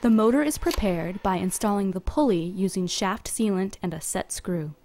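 In a measured, even tone, a woman walks through instructions step by step, reading a script for a company video. Her pitch is medium, a little background noise is present, and the recording was made separately from the workshop on screen.

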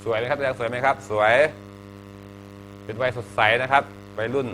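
A man teaching a health class, talking in a chatty way with little jokes. His voice is bright and forward, and he keeps asking the students questions as he explains. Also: mid-range voice, fairly even intonation, moderate pace, a little hiss or hum.

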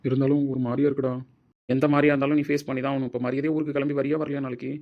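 Man as a pushy, urging friend, rapid-fire monotone, dull lo-fi sound. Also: mid-range voice, close to an everyday voice. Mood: urgent. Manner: insistent, urging. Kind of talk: amateur audio drama.

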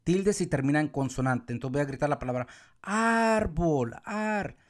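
A man teaching Spanish accent rules step by step, sometimes calling out words loudly to show where the stress falls. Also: mid-range voice. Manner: calls out words loudly to show the stressed syllable, counts syllables slowly. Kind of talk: explaining accent marks step by step.

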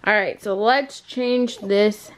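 A young woman chatting casually in a home vlog while caring for her baby son, slipping into high baby talk with him. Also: slow. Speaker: vlogger, first-time mother. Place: at home, in pajamas.

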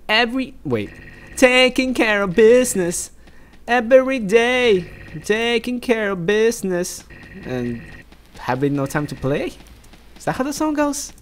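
Jokey rambling gamer guy, lively voice. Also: on the high side, a little hiss or hum. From South America. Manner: rambling, jokey, talks to himself. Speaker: let's play gamer. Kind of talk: let's play commentary.

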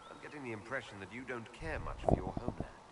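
A man voicing a curious male hero in video game dialogue, asking brisk, inquisitive questions. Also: mid-range voice, animated, very noisy, lightly acted.

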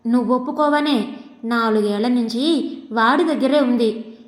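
A woman's voice: a little high, a little slow, close to an everyday voice. A woman voicing a tired middle-aged husband who answers his wife impatiently and lectures her. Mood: weary. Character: weary middle-aged husband, irritated but reasoning. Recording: echoey room with long reverb.

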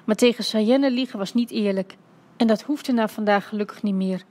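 A woman reading a children's book aloud in a lively storytelling manner. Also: medium pitch, normal speed. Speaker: reader.

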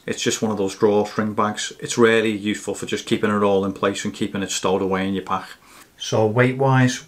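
A man in his 30s to 40s reviews camping gear casually to camera, speaking in a low, even voice. He is matter-of-fact and explanatory.

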